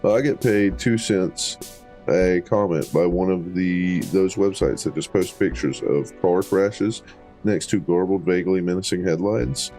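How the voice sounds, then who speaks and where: A man's voice: deep voice, a little slow, warm tone, soft background music. A man hosting a let's play, reading a game's dialogue aloud with playful voices for each character and dropping casual asides. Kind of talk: reading game dialogue aloud while playing.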